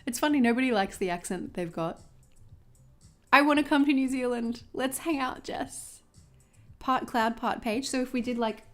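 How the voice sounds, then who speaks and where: With a slightly high voice and an Australian accent, this northern New South Wales woman runs a journaling livestream. She crafts as she talks fast and informally with her viewers, frequently breaking into giggles.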